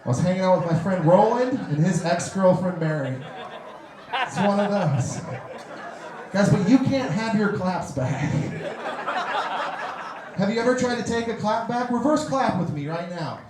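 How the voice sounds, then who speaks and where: A man doing a stand-up comedy set on a club stage, telling a story with animated delivery and shouted punchlines. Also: sits high, a little slow. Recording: roomy live club recording with crowd noise. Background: audience laughter.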